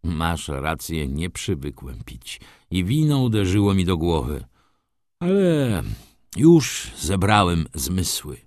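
A man voicing a restless middle-aged gentleman who answers in an impatient, abrupt way. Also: deep voice, very animated, slow pace, dry recording, clean studio sound, full character voice. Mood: steady.

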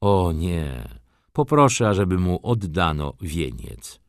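A man's voice: deep voice, sing-song, slow, no echo, studio quality, full character voice. A man voicing a middle-aged merchant who speaks in a clipped, businesslike and restrained way. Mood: curt. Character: middle-aged male merchant, cool and curt.

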